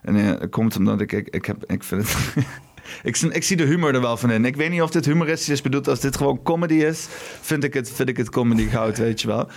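A man's voice: mid-range voice, fast. A man hosting a casual chat, talking loosely and stumbling over repeated words.

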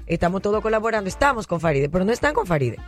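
A woman's voice: medium pitch, faint music behind. A middle-aged woman, a political candidate, telling stories in a candid interview. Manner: animated, rapid storytelling.

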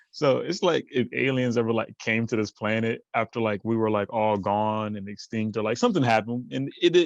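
A man's voice: medium pitch, gravelly, no echo, muffled recording. A man as a podcast guest in casual chat, rambling with many fillers and restarts and laughing often. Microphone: remote recording.

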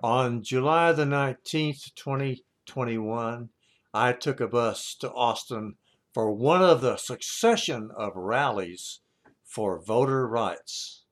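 A man narrating an informal news report as host, in plain, slightly hesitant phrasing. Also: medium pitch. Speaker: host of a workers' news segment.

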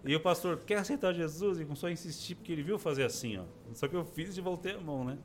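A man's voice: fairly high pitch, rapid-fire, music in the background. A man in his forties, an interview guest, telling a personal testimony in casual chat and acting out the voices of the people he quotes. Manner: expressive storyteller, acts out quoted voices.

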